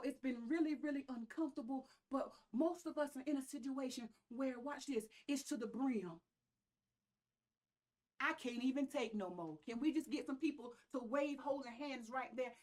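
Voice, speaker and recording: Female preacher, Southern US accent, high voice, emphatic and folksy sermon delivery with repeated phrases. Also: normal speed, darkish tone. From American South. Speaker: pastor preaching. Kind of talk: church sermon.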